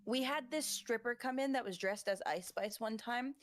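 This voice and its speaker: A woman's voice: on the high side, no echo. Guest on a voice chat, young woman, bubbly and profane, dry close sound. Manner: bubbly, swearing, quick storytelling. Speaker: guest streamer. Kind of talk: casual voice chat.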